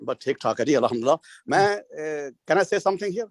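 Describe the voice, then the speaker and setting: A man's voice: fairly high pitch, animated, fast, dry recording. A man with a Pakistani accent making points earnestly and politely in a group discussion, often repeating a phrase. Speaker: study session participant. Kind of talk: earnest discussion, mixing English and Urdu.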